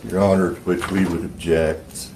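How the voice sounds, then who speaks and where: A man's voice: deep voice, little pitch movement, normal speed, darkish tone. A man, a lawyer in court, arguing in an accusing, confrontational way. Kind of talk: courtroom argument. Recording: echoey courtroom, faint noise.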